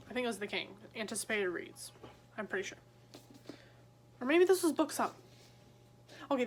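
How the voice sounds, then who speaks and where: Woman vlogger reviewing books, bright sharp voice, a bit high, chatty with lots of asides. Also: a little hiss or hum. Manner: chatty, heavy use of "like", quick asides. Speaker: book vlogger. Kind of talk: casual book review chat. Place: at home on her bed.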